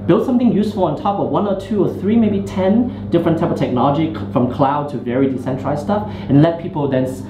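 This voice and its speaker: A man's voice: on the high side, fast, few pauses. Man talking in a roomy space. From Hong Kong. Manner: loose phrasing with many fillers and restarts. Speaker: startup founder guest. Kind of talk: casual interview talk. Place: indoor venue in Hong Kong. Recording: roomy, muffled, noisy ambience.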